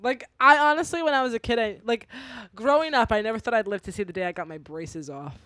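A woman of thirty co-hosting a podcast in casual chat, playful, sarcastic and quick to swear. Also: fairly high pitch, a bit bright, dry recording. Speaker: podcast co-host.

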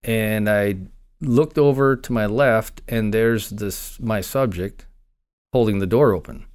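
A man, a former county investigator, recounting a personal story in an interview with measured pauses. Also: fairly low pitch, a little mellow, clean tone.

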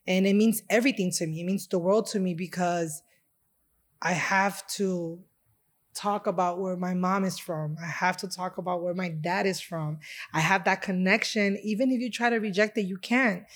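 In a casual interview conversation, a Chicago woman who owns a restaurant speaks as a guest about her heritage. Her voice is on the low side at a moderate pace, and she rambles warmly, using lots of fillers.

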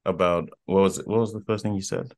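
Deep-voiced man from Ghana. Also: steady tone, quick pace, creaky, a little mellow. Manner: thoughtful, repeats words as he builds his point. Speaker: podcast guest. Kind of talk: casual podcast conversation.

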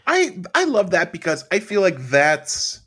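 A man's voice: high-pitched, measured pace. A man co-hosting a podcast in casual chat, acting out quotes and laughing often. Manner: animated, acts out quotes with laughs. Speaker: podcast co-host.

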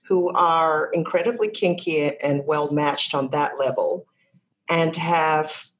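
A woman hosts a relaxed interview, her voice hoarse and croaky today. She sits a little low in pitch and works through her questions with frequent fillers. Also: takes it slowly, a little hiss or hum, low-quality recording. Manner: thoughtful, explains terms with many fillers. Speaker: podcast host. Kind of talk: casual interview chat.

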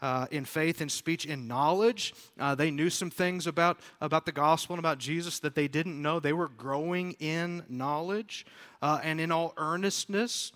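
A man preaching a sermon as pastor, talking conversationally with frequent fillers and restarts, and growing animated when he acts out quotes. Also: a little high, normal speed.

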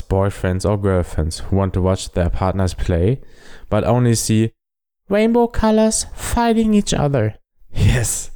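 A man's voice: deep voice, mellow. A young man with a German accent, hosting a solo podcast and earnestly explaining things. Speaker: podcast host.

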